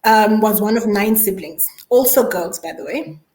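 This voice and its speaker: A woman's voice: mid-range voice, normal speed, a little mellow, roomy sound, rough recording. A woman talking casually as a podcast guest about her big family, with a chatty manner and many fillers. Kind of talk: casual conversation.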